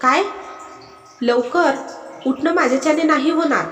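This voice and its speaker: A woman voicing a demanding, sharp-tongued young village wife who complains and raises her voice. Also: high-pitched, unhurried, voice pushed up. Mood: angry complaining. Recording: echoey hall with music behind.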